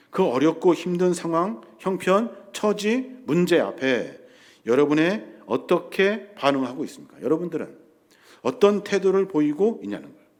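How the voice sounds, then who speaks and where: Male pastor, expressive sermon delivery with a lively, slightly high voice. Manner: expressive preaching, swings between loud and hushed, acts out quoted voices. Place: church hall.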